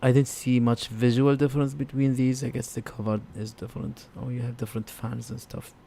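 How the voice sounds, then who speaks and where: Gravelly, mellow man murmuring casually. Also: mid-range voice, little pitch movement, a little fast. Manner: hesitant, thinking aloud while browsing. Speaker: host of a live stream. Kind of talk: casual live-stream commentary. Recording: clear background noise.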